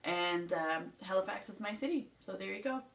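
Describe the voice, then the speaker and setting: Seated indoors at home, a young Nova Scotian woman with the local twang rambles chattily through a list for her casual beauty vlog. Her medium-pitched voice is expressive, gravelly, and a bit bright at a moderate pace, picked up roomily by a distant mic.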